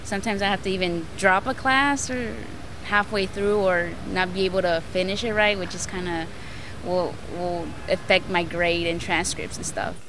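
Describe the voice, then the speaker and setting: A woman's voice: on the low side, fairly even intonation, moderate pace. A twenty-year-old woman, an art student, giving casual, slightly hesitant interview answers. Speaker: fine arts student. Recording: outdoor traffic noise.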